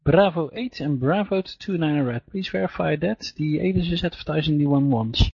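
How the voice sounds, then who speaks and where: A man makes pilot calls over air traffic control radio. His voice is raspy and on the higher side, in clipped phrases. The channel sounds dull and boxed-in. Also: brisk, darkish tone, dry recording. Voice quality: gravelly, husky. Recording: dull, dry radio audio.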